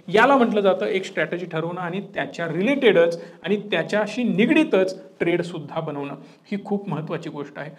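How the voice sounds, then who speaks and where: A man giving an emphatic, lecturing talk on trading, addressing viewers directly and mixing in English terms. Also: high voice. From Maharashtra, India. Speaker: trading educator.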